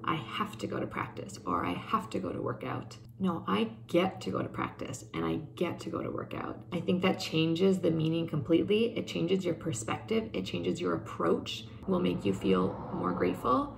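In a rough recording, a young woman from Canada addresses her webcam in her bedroom with a fairly low, gravelly voice. She is very animated and talks at normal speed with few pauses. Earnest and upbeat, she gestures as she considers her plans.

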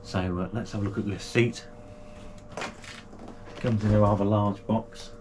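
Unboxing and reviewing gear for his channel in a small room at home, this UK kayaking channel host speaks in a lowish, steady, unhurried voice. He's chatty and casual, full of fillers and restarts, with a noisy background behind him.

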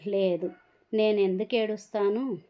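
A woman's voice: medium pitch, steady tone, unhurried, lightly acted. Woman doing a heartbroken old grandmother. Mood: despairing. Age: older. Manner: tearful, despairing. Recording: dull lo-fi recording.

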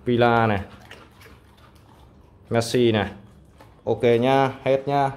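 A dog owner and vlogger chats casually to his pet dogs and his viewers, coaxing them and calling out short commands. His mid-range voice is steady, slow, and a little mellow. He records on a handheld phone behind the camera in a tiled room at home, with clear background noise.

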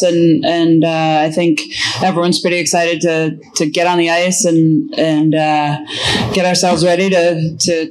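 A woman head coach giving halting press conference remarks, with many fillers and restarts. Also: low-pitched, a little mellow, rough recording.

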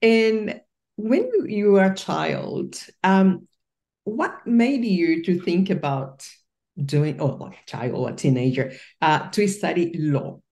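A woman's voice: on the low side, animated, slow pace, a little mellow. Woman hosting an interview. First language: Portuguese. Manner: friendly, asks questions with fillers. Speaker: podcast host.

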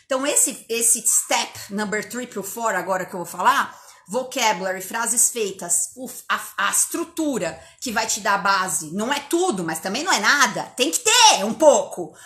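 A woman's voice: medium pitch, normal speed. A woman English teacher with an inland São Paulo Brazilian accent, giving a chatty, emphatic informal lesson at home. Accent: inland São Paulo Brazilian Portuguese. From inland São Paulo state, Brazil. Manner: lively, emphatic, chatty, swears casually. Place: empty bedroom at home.

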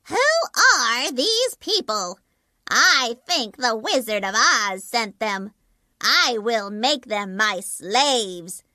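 A woman reading a storybook aloud and voicing a cruel wicked witch with slow, drawn-out menace. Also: on the high side, expressive, sharp tone, no room sound, clean studio sound, heavily acted. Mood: menacing.

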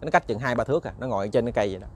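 A male channel host with a Southern Vietnamese accent races through a ghost story, his voice mid-range and darkish. He chats casually, addresses the audience directly, and keeps repeating words as he searches for what comes next.

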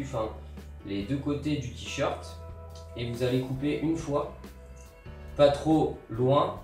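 Here the young man's voice sits at a medium pitch as he narrates his DIY sewing project mid-task, easygoing and full of fillers such as "hop, voilà." The bare grey-walled room echoes around the far-off camera mic, with quiet music in the background.

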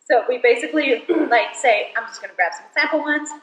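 A young woman hosts a casual card-game video in her home living room, giggling and rambling as she explains the rules. Her voice is high, a little fast, and fairly bright, with a bit of hiss or hum, and the distant mic picks up an echoey room.

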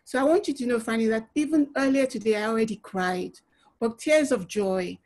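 A woman's voice: a little high, a little fast, darkish tone. A middle-aged woman from Nigeria, moderating a panel webinar over a laptop video call, effusive with many filler ums. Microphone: laptop webcam video call.

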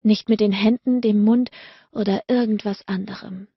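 A woman voices an intense adult male lover in an audiobook, murmuring low with a rough, deep quality. The voice is gravelly and husky. The recording is dull and dry. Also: fairly even intonation, normal speed, no room sound. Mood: heated, breathless. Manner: low, murmured, breathy delivery.

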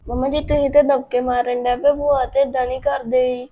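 A woman's voice: high voice, moderate pace, lo-fi sound. A woman playing a sulky boy who whines to go back to his aunt. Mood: whiny. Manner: whining, flat. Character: sulky child wanting to visit his aunt.

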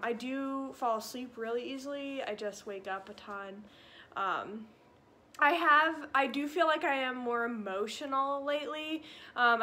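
Sitting by the stone fireplace in her living room, a young vlogger in her twenties chats through a pregnancy update, packing in fillers and "likes" and sounding a little breathless. Her fairly high voice comes across pushed and bright, with slight background noise.

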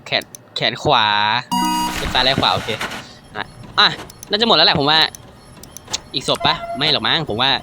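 A man commenting casually on a horror game as he plays, excitable and jumpy, swearing freely. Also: medium pitch, normal speed, pauses often, music in the background. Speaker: gaming YouTuber.

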